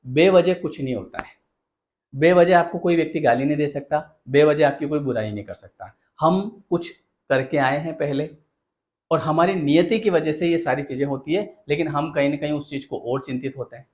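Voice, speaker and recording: A man with a fairly high speaking voice gives an earnest motivational talk. He keeps asking rhetorical questions and speaks straight to his listeners. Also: normal speed, a little mellow.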